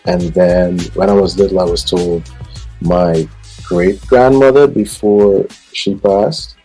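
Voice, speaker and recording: Speaking slowly in a low, mellow voice with fairly even intonation, a Guyanese-accented gospel singer in his thirties gives casual, rambling interview answers about his life, full of fillers. Soft music plays behind him, and the recording quality is low.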